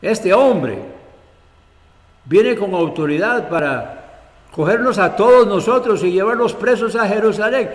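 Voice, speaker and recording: A man's voice: high voice, expressive, a little slow, big-room sound, pitched above the performer's own voice. A Costa Rican pastor acting out a frightened man who stutters as he protests to God. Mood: panicked. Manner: stuttering, rising and alarmed.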